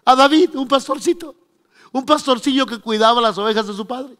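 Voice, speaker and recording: A man's voice: very high-pitched, brisk, fairly bright tone. A man preaching a sermon, emphatic and storytelling. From Mexico. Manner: storytelling, emphatic, acting out quotes. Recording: long reverb of a church hall.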